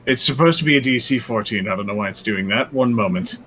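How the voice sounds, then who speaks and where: A man's voice: on the low side, fast, pushed and bright, slight background noise. A man playing a tabletop role-playing game, wry and swearing freely as his rolls go wrong. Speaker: player. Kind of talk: casual tabletop game chat.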